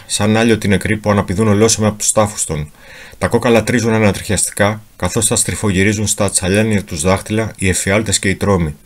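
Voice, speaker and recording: A man giving a solemn, theatrical reading of a memoir as a dramatic literary reading. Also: lowish voice. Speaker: reader of a memoir.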